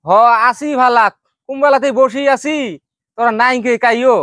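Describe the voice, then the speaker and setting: A man's voice: extremely high pitch, steady tone, moderate pace, fairly bright tone, no echo, clean studio sound. A man doing a grumbling old grandfather. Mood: complaining. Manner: plaintive rural grumbling. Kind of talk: comedy skit acting.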